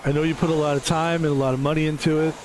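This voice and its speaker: A man's voice: on the high side, little pitch movement, racing, a little mellow, a little hiss or hum. A young man from Philadelphia streaming a game, chatting casually and rambling through stories with many restarts. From Philadelphia, USA. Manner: rambling, self-interrupting storyteller.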